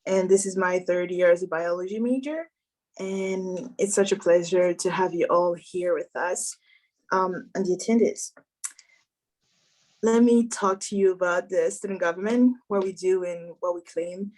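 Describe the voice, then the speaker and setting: A woman's voice: lowish voice, unhurried. Young woman hosting a student panel. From Democratic Republic of Congo. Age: young adult. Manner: earnest, welcoming, steady delivery with some fillers. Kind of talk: formal welcome speech.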